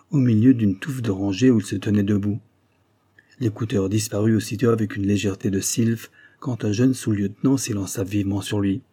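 A man narrating a classic short story in a measured, steady audiobook reading. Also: lowish voice, slightly rough.

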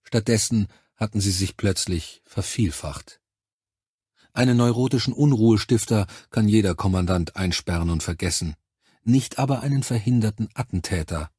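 A man reading an audiobook aloud in the first person, with sober, measured storytelling. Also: lowish voice, warm tone, slightly rough, no echo, clean studio sound. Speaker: audiobook narrator. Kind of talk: scripted first-person narration.

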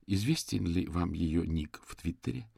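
A man voicing a composed female police detective who asks questions coolly and deliberately. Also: sits low, creaky, darkish tone, slightly rough, no room sound, studio quality, full character voice. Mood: cold. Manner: cool, clipped, deliberate questioning.

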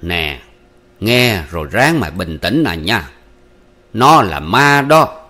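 A man voicing an old man, a former cook, who questions slowly and deliberately. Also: fairly low pitch, animated, fairly bright tone. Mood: probing. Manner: slow, probing, deliberate.

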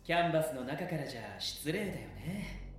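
A man's voice: a little high, very animated, a little fast. A man playing a courteous, eerie young man from a painting in an audio drama, with a polite, creepy welcoming manner. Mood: eerily courteous. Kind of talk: Japanese audio drama acting. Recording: distant, echoing, noisy background ambience.

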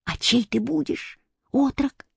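A woman voicing a haughty young tsarevich boy who speaks slowly in a lofty, old-fashioned way. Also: on the high side, expressive, a little mellow, no echo.

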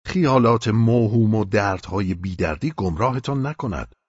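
A man with a low, husky voice reads a literary audiobook in measured, reflective first person. The sound is dry and close, with a dull, lo-fi tone. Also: no echo. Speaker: audiobook narrator. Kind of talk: scripted literary narration.

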